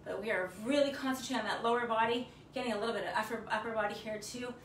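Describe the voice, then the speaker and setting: An aerobics instructor leads a workout in a slightly high, steady voice, speaking rapid-fire. She counts reps in rhythm and calls out moves with short, encouraging commands. The mic is distant in a roomy space, with faint noise.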